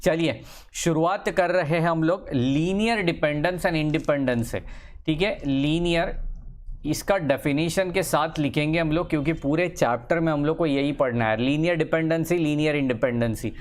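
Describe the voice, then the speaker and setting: A young man teaching engineering maths in a casual lecture, encouraging his students, repeating phrases and drawing words out slowly as he writes. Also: a little high. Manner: encouraging, chatty asides to students. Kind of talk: casual Hindi-English lecture.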